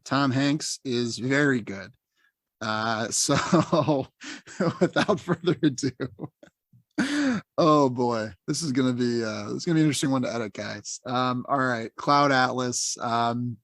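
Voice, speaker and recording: A man's voice: mid-range voice, no echo, clean studio sound. A man hosting a movie podcast, casually steering the talk and handing turns to the others. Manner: relaxed, steers the conversation. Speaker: podcast host.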